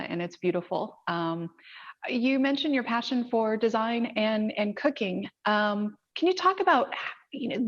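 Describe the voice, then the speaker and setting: Encouraging woman interviewer, lo-fi sound. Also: medium pitch. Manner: friendly, encouraging questions. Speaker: interviewer, host. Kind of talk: interview questions.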